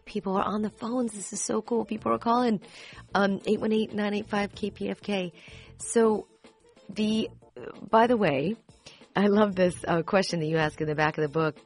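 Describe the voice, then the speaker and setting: A woman's voice: medium pitch, normal speed, soft background music. A woman hosting a radio interview during a pledge drive, gushing and enthusiastic. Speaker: radio host.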